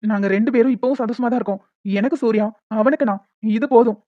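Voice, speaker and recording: A woman's voice: a little high, dark tone, dry recording, muffled recording, lightly acted. A woman voicing a loving young father in a cartoon, tender with his child and firm with others. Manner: tender, firm, fast-talking. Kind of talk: cartoon voice acting.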